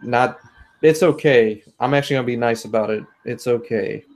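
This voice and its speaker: Man, podcast co-host, casual gaming chat, profane, laughs a lot, average pitch. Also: moderate pace, darkish tone. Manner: profane, joking, laughs often.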